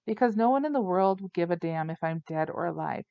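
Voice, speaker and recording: Brief: woman reading a bitter drunk teen boy, low-set voice, dull dry recording. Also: animated, fairly quick, creaky, no echo. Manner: bitter, defiant. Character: troubled drunk teenage boy on a bridge railing.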